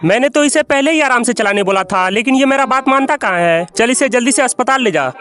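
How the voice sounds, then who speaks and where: Very high-voiced man doing comic banter. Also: expressive, fairly quick, background noise. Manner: loud, exclaiming, scolding banter. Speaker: voice actor for a comedy sketch. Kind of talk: comic sketch dubbing, all characters.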